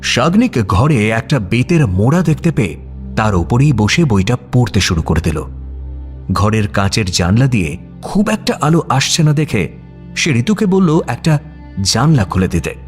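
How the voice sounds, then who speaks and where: Soft music runs beneath a male narrator reading a scripted story with expression. His voice is mid-range in pitch, and his intonation rises and falls widely.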